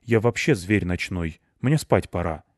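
A man's voice: low voice, expressive, a little slow, no room sound, clean studio sound. A man voicing a self-important male hedgehog who lectures in a storybook. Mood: lecturing. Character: pompous know-it-all male hedgehog.

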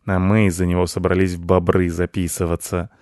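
A man voicing a grumpy, belligerent male companion who grumbles gruffly. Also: low voice, flat delivery, brisk, a little mellow, no echo, studio quality, close to an everyday voice. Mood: grumbling.

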